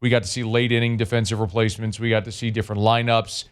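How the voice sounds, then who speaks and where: A man hosting a sports talk radio show, chatting energetically with frequent fillers and quick asides, on a studio microphone. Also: on the low side, level tone, smooth.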